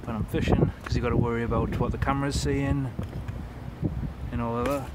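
A man chats casually while he fishes, his voice sitting in a middle register and coming through a phone mic outdoors. Heavy wind roars across the mic the whole time, with water all around. His commentary stays relaxed and matter-of-fact. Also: mid-range voice, a little fast. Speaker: angler filming his fishing trip. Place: outdoors on a wooden harbour jetty by the water. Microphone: phone camera held by the speaker.

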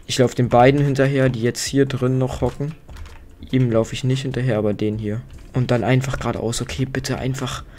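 Young male gamer, excitable commentary at his desk mic with faint keyboard clicking behind. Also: medium pitch, a little hiss or hum. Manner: excitable, talks to the game characters, pleading and fretting. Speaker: let's play gamer. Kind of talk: casual game commentary. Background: keyboard clicks and typing.

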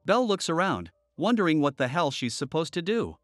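A man narrating workplace and army stories in a steady scripted storytelling voice, lightly voicing the people in them. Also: a little high, a little fast, no room sound, soft background music.

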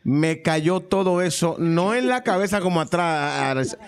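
A man co-hosting a casual faith podcast, telling a comic anecdote with animated, laughing delivery and acted-out moments. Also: a little high, a little slow. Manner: animated, laughing storyteller who acts out scenes. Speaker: podcast co-host. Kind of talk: casual storytelling among friends.

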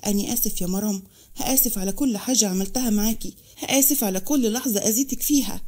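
A woman's voice: mid-range voice, fast, mellow, lightly acted. A woman voicing an evasive apologetic young man. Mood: regretful. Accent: Egyptian Arabic. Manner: apologetic, hesitant.

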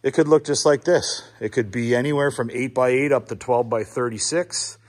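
This middle-aged man from Ontario, Canada, is a builder and small business owner who chats casually as he walks through a small wooden building under construction. His mid-range voice moves at a moderate pace, and his easygoing, talkative manner includes filler restarts in what plays like a casual walking tour vlog.

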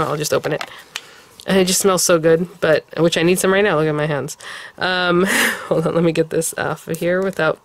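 Showing her shopping haul at a craft table, a California vlogger chats casually and eagerly, rambling with laughs and fillers in a show-and-tell. Her pitch is fairly low, with slight background noise.

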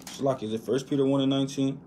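A man giving an informal Bible lesson, reading verses slowly and with emphasis, then dropping to a quiet "man" or "right?" after each point. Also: medium pitch, steady tone, a little hiss or hum. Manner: reads verses slowly and loudly, tags lines with "right?" and "man". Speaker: bible teacher. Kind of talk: informal scripture teaching.

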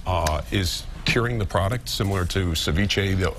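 Man in a chef's apron, halting and explaining. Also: deep voice, slight background noise. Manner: plain, halting explanations with many "uh" fillers. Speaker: chef and restaurant owner. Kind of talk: cooking demonstration on a TV show. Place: TV studio kitchen set.

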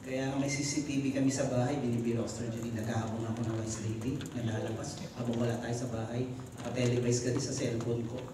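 A man preaching a sermon to a congregation, animated and switching between Tagalog and English. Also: mid-range voice, fast talker, background noise. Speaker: pastor. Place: church hall. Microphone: recorded from the congregation. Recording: echoey hall, far from mic.

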